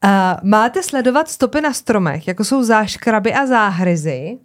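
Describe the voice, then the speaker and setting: A woman's voice: medium pitch, expressive. A woman in casual conversation, reading safety tips aloud from a website and mixing in chatty asides. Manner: chatty, reads aloud with asides and filler words.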